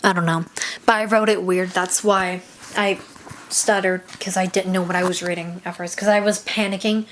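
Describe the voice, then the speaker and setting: A woman's voice: lowish voice, steady tone, normal speed, a bit bright, slight background noise. A young woman vlogging casually, rambling and self-conscious, with constant "like" fillers. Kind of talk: casual confessional chat. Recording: echoey room.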